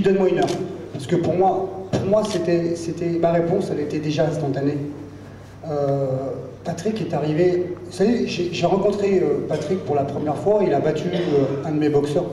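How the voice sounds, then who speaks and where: A man's voice: a little high, a little fast. A man, a boxing coach, speaking informally at a press conference and repeating himself for emphasis. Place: echoey press conference room. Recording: echoey hall, distant mic, faint noise.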